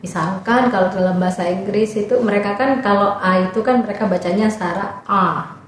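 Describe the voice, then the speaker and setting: Chatting on a relaxed podcast, a young volunteer teacher recounts her time in the classroom, dropping plenty of fillers and acting out how her students talk. Her medium-pitched voice moves fairly quickly, and the very echoey room carries faint noise.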